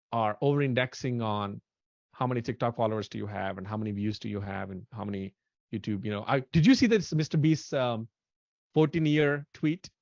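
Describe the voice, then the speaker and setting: A man in his thirties hosting a casual podcast chat, excitable and animated, speaking in quick bursts. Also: medium pitch, vocal fry, dry recording. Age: 30s. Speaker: podcast host. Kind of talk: casual chat on a video call. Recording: dull, lo-fi, dry audio.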